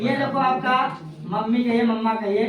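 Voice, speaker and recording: A man teaching everyday spoken English, slowly repeating each phrase and often checking that students follow. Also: very high-pitched, fairly even intonation, crowd noise. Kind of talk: classroom-style spoken English lesson. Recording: very echoey room, voice from far off.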